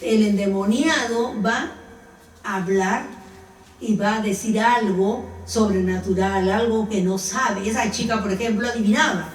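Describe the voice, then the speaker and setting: A woman's voice: medium pitch, unhurried. A woman leading a Bible study who directs the group to verses and asks her listeners questions. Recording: roomy room, distant mic.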